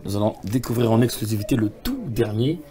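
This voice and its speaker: A man's voice: on the low side, lively intonation, fast talker, a crowd in the background. A man hosting an interview, asking familiar, probing questions. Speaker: interviewer host. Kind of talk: casual interview.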